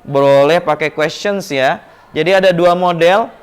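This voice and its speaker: A man's voice: fairly high pitch, a little slow, smooth. A male English teacher with an Indonesian accent, explaining patiently in class and repeating words to drill pronunciation. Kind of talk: classroom lesson.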